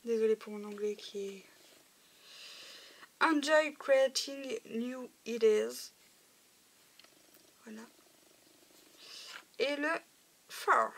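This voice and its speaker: A woman's voice: fairly high pitch, drawn-out words, gravelly, long pauses. A woman chatting casually as she shows off craft supplies for sale, with lots of "euh" and "voilà". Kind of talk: casual show-and-tell video. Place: home craft room. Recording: noisy home recording, crinkling packets.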